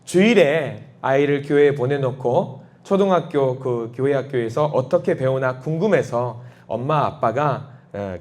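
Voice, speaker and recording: A man preaching a sermon as a church pastor, telling a story and acting out the quoted voices with big swings of pitch. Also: darkish tone. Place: church sanctuary.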